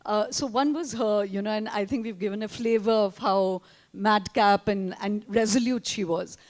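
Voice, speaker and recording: A woman's voice: mid-range voice, moderate pace, darkish tone. A woman, conducting a conversational live interview.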